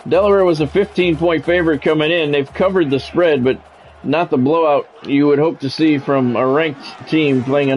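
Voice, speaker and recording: A man with a slightly high voice does football play-by-play for a video game stream, reacting casually in a blunt, conversational style. The recording sounds muffled.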